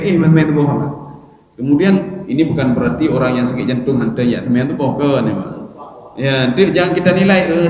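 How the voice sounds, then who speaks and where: A man preaching a Quran exegesis lecture, speaking emphatically and often turning to his listeners directly. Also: high voice. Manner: addresses listeners as "Pak", lively emphatic delivery. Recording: echoey hall with long reverb.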